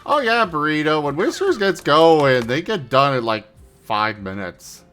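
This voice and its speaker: A man's voice: fairly high pitch, big pitch swings, a little slow, fairly bright tone, faint music behind. A man voicing a cocky, boastful little cartoon god of death, taunting and theatrical in improvised stream banter.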